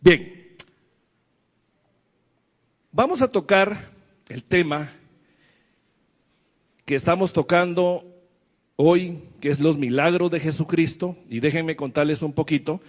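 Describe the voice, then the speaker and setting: A man's voice: on the high side, slow, long pauses, in a large hall. A man preaching a sermon to his church, asking the congregation questions as he goes. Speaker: pastor.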